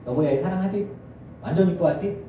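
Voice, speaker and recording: A middle-aged male pastor preaching a sermon, animated and acting out family scenes in character voices. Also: high-pitched, fast, highs cut off, slight background noise. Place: church sanctuary. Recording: echoey church from far off.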